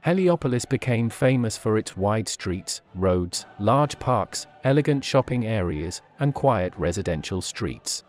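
A man reading scripted documentary narration for a walking tour, in a measured, list-by-list delivery. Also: on the low side, sing-song, faint music behind.

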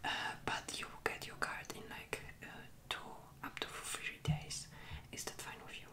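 A young woman doing a whispered role-play as a helpful librarian, in a soft, polite, unhurried library whisper with hesitant pauses. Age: young adult. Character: helpful, chatty young librarian serving a visitor. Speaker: ASMR creator playing a librarian. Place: small indoor room at home. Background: computer keyboard typing.

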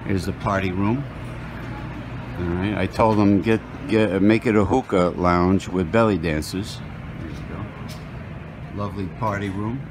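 Low-voiced man muttering through a buffet. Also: background noise. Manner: chatty, muttering to himself while choosing food. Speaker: vlogger. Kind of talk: casual walk-through commentary. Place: indoor restaurant buffet. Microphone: handheld phone.

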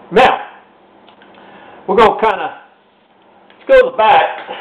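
A man teaching woodcarving in a casual step-by-step demonstration, talking as he works, pausing and restarting his sentences. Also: fairly high pitch, slight background noise. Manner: talks while carving, pausing and restarting sentences. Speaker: woodcarving instructor. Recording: roomy, dull lo-fi home video recording.

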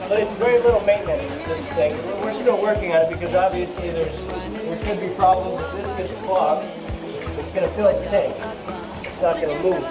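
A middle-aged man giving a casual outdoor tour of his fish farm, talking haltingly with many fillers and restarts. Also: sits high, a loud crowd, low-quality recording. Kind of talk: casual walking tour explanation. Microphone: handheld camera nearby. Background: loud music added over the talk.

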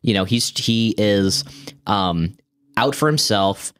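Male podcast co-host, lowish voice, loose and rambling, lots of restarts. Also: slow, a bit bright, smooth. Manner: rambling, frequent restarts and fillers. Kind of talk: casual gaming podcast chat.

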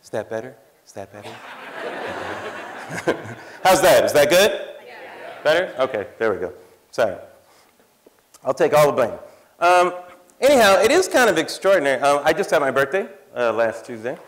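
A man's voice: mid-range voice, big pitch swings, normal speed, pauses often. A man in his fifties doing a wry, conversational comic talk on a theater stage, teasing the audience and laughing at his own jokes. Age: 50s. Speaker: comedian and cultural commentator. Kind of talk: stand-up style talk on stage. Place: large theater stage before a live audience.

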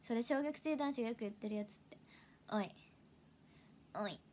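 A young woman with a hosting a casual idol livestream, chatty and giggly, sometimes dropping into soft whispers. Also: fairly high pitch, normal speed, slight background noise.

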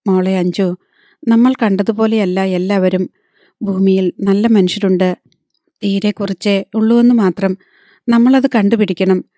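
Woman doing a hot-headed rich old dad, bossy but gentle w his girl, dry close sound. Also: high-pitched, fairly even intonation, unhurried, pauses often, no echo. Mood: weary, tender. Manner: angry and commanding, gentle with his daughter. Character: proud, hot-tempered aging wealthy father.

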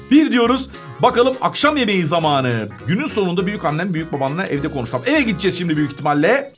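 A woman's voice: fairly low pitch, big pitch swings, fast, faint music behind. A woman hosting a children's gaming channel, chatting playfully through a game, humming little tunes and giggling. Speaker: kids' gaming channel host.

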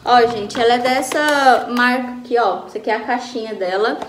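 Filming at home in the bathroom and later beside a window, a Brazilian-accented woman talks eagerly through a relaxed beauty vlog. She speaks at a moderate pace in a somewhat high voice, and the audio has room echo and faint noise.

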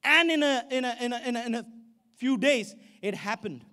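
Speaking a little fast into a handheld mic, an Indian-accented male pastor delivers a sermon in a strikingly high, sharp voice. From a large indoor auditorium stage he exhorts emphatically, repeating key phrases for force.

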